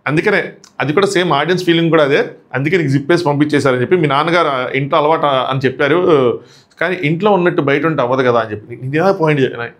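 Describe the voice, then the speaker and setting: A man's voice: on the high side, very fast, a bit bright. A man reviewing a reality show, animatedly acting out quoted exchanges as he recaps them.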